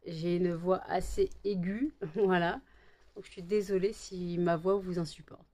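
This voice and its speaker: Tired French woman, shrill high voice. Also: steady tone, measured pace, mellow. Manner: rambling, many fillers and restarts, scolds her dogs. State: tired, barely awake. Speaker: vlogger. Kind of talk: casual chat to camera.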